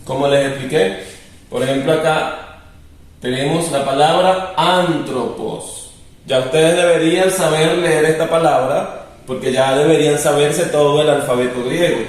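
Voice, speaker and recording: A man's voice: a little high, moderate pace. A man teaching a lesson, patiently explaining and repeating rules. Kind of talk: recorded classroom lesson. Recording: very echoey room, distant mic.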